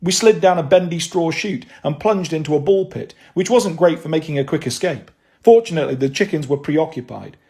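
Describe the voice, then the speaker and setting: A man's voice: fairly high pitch, a little fast, darkish tone. A man reading a first-person novel aloud, with a wry, dry delivery. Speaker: audiobook narrator.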